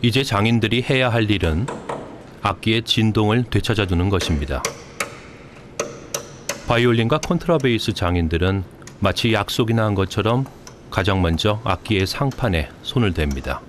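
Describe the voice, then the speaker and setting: Calm, lively-toned male documentary narrator. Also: fairly low pitch, normal speed, a little hiss or hum. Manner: calm, explanatory. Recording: voice-over with loud music behind.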